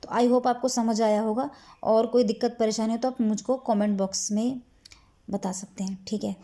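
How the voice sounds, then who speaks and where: A woman teacher, slowly reading lines from a textbook and then explaining them in fast, chatty Hindi. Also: fairly high pitch, steady tone, mellow.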